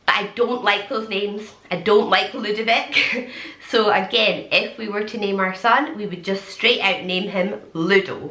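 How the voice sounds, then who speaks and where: Bright-voiced woman vlogging. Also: medium pitch. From Scotland. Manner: chatty and enthusiastic, quick asides. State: pregnant. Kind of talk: casual talk to camera. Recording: echoey room.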